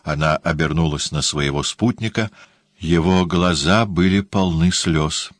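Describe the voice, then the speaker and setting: Deep-voiced male audiobook narrator. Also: unhurried, no echo, studio quality. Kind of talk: scripted narration.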